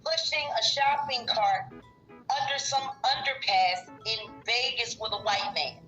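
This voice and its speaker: A woman's voice: fairly high pitch, a little slow, sharp tone, echoey room, lo-fi sound, soft background music. A woman guest in a casual chat, blunt and emphatic, arguing her case point by point. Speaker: interviewed guest.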